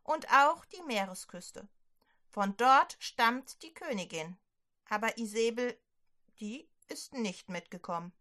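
A woman leading a prayer and telling a Bible story to children, gentle and clearly spoken. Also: fairly high pitch, lively intonation, slow.

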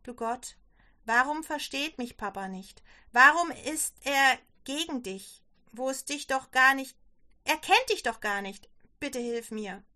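A woman's voice: high-pitched, expressive, unhurried, sharp tone, exaggerated voice. A woman voicing an earnest young woman who talks eagerly and pleads firmly. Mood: praying.

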